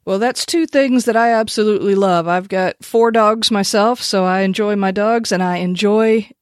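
A woman's voice: medium pitch, moderate pace, no echo, clean studio sound. A woman hosting a coaching podcast, introducing her guest and asking questions in an upbeat, enthusiastic way. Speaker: podcast host. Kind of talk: scripted intro then casual interview.

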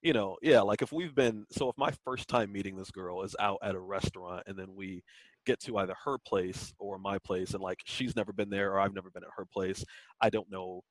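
A man's voice: low-pitched, fairly even intonation, fairly quick, no echo, low-quality recording. A man co-hosting a podcast, talking candidly and loosely with lots of fillers in casual chat. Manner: candid, rambling, many fillers. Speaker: podcast co-host.

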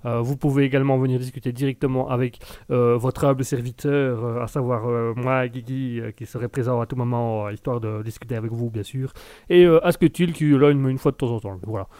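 A man hosting a live stream show, chatting in a casual, self-mocking comic way while a little ill and clearing his throat. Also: medium pitch, steady tone, fairly quick, warm tone, no echo.

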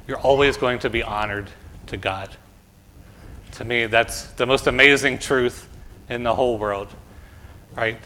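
A male pastor reading scripture and giving a gentle children's message, asking questions and often adding "right?". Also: medium pitch, a little slow, pauses often. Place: church sanctuary.

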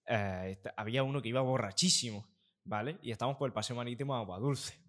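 A young man from Spain, a podcast co-host telling animated stories in casual chat, with crude slang. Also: medium pitch, fast talker. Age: young adult. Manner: animated storytelling with acted quotes.

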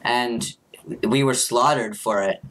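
A man's voice: mid-range voice, slow, a bit bright, a little hiss or hum, poor audio. A man voicing a tall bitter orc. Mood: resentful.

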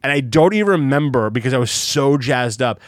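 Young man, casual podcast chat, animated storytelling, acts out quoted voices, middle pitch, dry close sound. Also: fairly quick, no echo.

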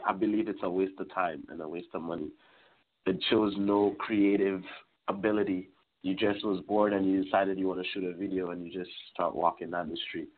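A young man in his twenties from Trinidad and Tobago, talking casually as a musician guest in an interview, relaxed and rambling. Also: low voice. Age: 20s. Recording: tinny phone-like line.

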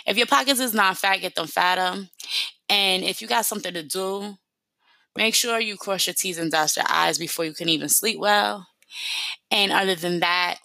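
Gravelly, bright-voiced New woman. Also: medium pitch, no room sound. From New York. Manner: rambling, slangy, fast talking. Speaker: podcast host. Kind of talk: casual podcast monologue.

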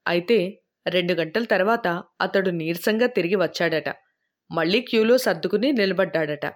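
A woman narrating a novel in even, storytelling audiobook style. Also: lowish voice, moderate pace. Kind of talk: scripted narration.

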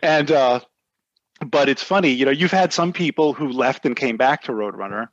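Middle aged american guy rambling casually in an interview, normal pitch, kinda lo-fi and dry sound. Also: moderate pace, dry recording. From United States. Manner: rambling, frequent "you know". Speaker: interview guest, music industry lawyer. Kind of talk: casual reminiscing conversation.

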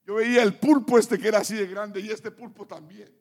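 Preacher, man, high-pitched and gravelly, animated storytelling sermon that swings from hush to near-shouting. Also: a little fast. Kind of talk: sermon with personal testimony.

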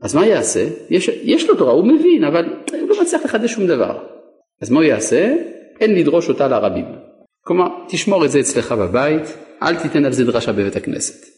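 A man's voice: fairly high pitch, very animated, darkish tone. A man teaching a Torah lesson, putting questions to his students and answering them himself. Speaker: rabbi teaching a class. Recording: echoey room with long reverb.

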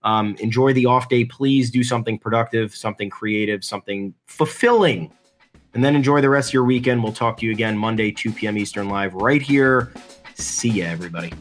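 A man co-hosting a casual sports podcast, thinking aloud in a halting, conversational way. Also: lowish voice, soft background music.

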